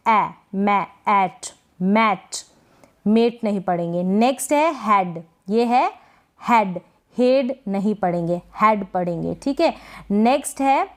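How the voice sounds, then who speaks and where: Woman, fairly high-pitched, teaching tone, asks and repeats each word. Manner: slow drilled word repetition with quiz questions. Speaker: English teacher. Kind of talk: spoken-word pronunciation lesson.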